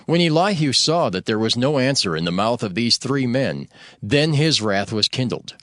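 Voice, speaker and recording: A man narrates scripture in a measured, solemn way. His pitch varies widely across phrases. The recording is dry and close. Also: expressive, fairly bright tone, no echo.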